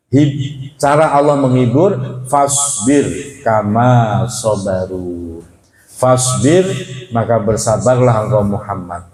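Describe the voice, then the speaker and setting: Slow-speaking male preacher in echoey hall. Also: mid-range voice. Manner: lively and humorous, addressing men as "Pak"; slow drawn-out Arabic recitation. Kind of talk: Quran study sermon.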